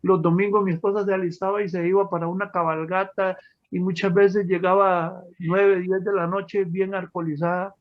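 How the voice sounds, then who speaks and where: A man's voice: sits high, level tone, moderate pace. A man telling his personal testimony to an audience, emotional and storytelling, calling his listeners friends. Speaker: testimony speaker. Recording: dull lo-fi sound.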